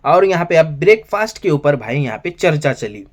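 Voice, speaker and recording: A man's voice: a little high, very animated, moderate pace. A man giving a casual, chatty recap of a reality show episode, often calling viewers brother and friends and acting out quotes in a raised voice.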